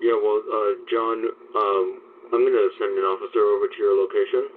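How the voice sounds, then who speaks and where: A man's voice: fairly low pitch, fairly even intonation, moderate pace, phone-quality sound, pitched below the performer's own voice, natural voice. A man's voice played as a curt male emergency dispatcher in a prank call clip. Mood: officious. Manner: curt, officious questioning.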